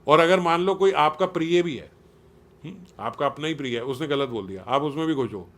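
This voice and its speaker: A man's voice: a little high, expressive, a little fast, a bit bright. A man giving a conversational spiritual talk to a small group, earnest and persuasive, often putting questions to his listeners. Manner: questioning, quizzes listeners, acts out quotes in everyday voices. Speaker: spiritual teacher.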